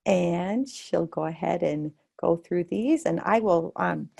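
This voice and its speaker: A woman's voice: fairly low pitch, slow, creaky, mellow, slightly rough. An American woman hosting and presenting an online webinar. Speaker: webinar host.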